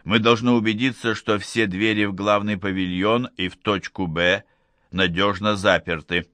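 A man's voice: on the low side, fairly even intonation, normal speed, bright, forceful tone, no echo. A man playing a curt, decisive engineer. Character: decisive young male engineer.

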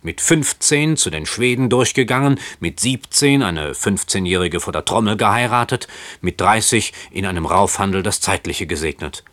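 A man's voice: on the low side, expressive, moderate pace, fairly bright tone, dry recording. A man reading aloud voices an indignant old merchant uncle who scolds sarcastically. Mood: scornful. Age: older.

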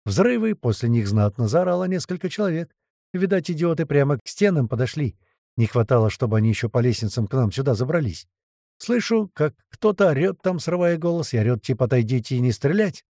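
A man's voice: a little high, lively intonation, brisk, dark tone, no room sound, clean studio sound. A man reading a first-person audiobook in a blunt, swearing storytelling manner. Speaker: audiobook reader.

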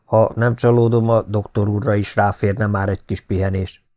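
A man's voice: on the low side, level tone, a little mellow, dull audio, lightly acted. A man voicing a genial lord who jokes easily in an audiobook. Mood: kindly. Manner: easygoing, teasing. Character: genial, joking older male lord. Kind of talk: audiobook character reading.

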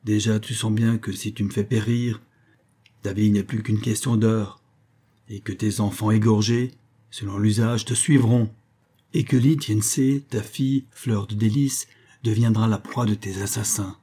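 Un homme qui fait un jeune poète rusé. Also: male voice, fairly low pitch, fairly even intonation, a little slow, mellow, breathy edge. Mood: defiant. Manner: impassioned and defiant pleading. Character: young male poet, proud, cunning and passionate. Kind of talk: audiobook reading.

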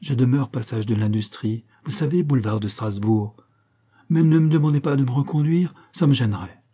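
A man reading the part of a modest, shy young working girl in a gentle, soft manner and a husky voice. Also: mid-range voice, moderate pace, close to an everyday voice.

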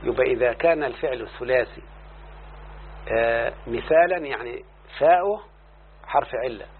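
Egyptian male teacher, mid-pitched, drills a student with questions, lo-fi tinny tape with hum. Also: moderate pace. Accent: Egyptian Arabic. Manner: checks understanding with constant questions to the student. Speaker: teacher of Arabic morphology. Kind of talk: classroom lesson. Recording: tinny lo-fi recording with faint hum.

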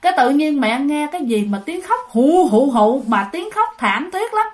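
A woman's voice: sits high, very animated, moderate pace. A woman telling a ghost story in a chatty way, often turning to her listeners directly. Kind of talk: spoken ghost story narration.

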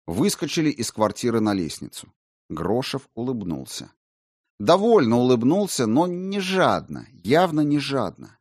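An audiobook narrator, a man with a medium-pitched voice, reads a scripted story in an even, measured way. The recording is dry and of studio quality.

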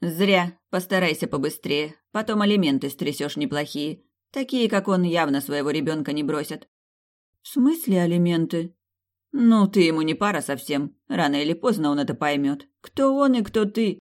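A woman's voice: low voice, lively intonation, normal speed, darkish tone. A woman doing a cold, blunt middle-aged mother. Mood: scornful. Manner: curt, dismissive, harsh.

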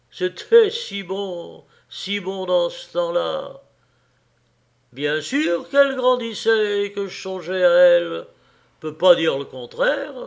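A man's voice: high-pitched, gravelly, voice pushed up, exaggerated voice. A man voicing a hulking young quarryman accused of a crime, talking in a thick, growling voice of helpless anger.

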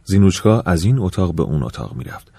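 A man narrating an audiobook in the first person, soft and reflective, with a wistful tone. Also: low-pitched, sing-song, gravelly, husky, dry recording.

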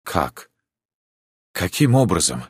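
A man's voice: low-pitched, very animated, slow, husky, no echo, voice pushed up, heavily acted. A man reading a troubled, formal prince. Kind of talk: audiobook character reading.

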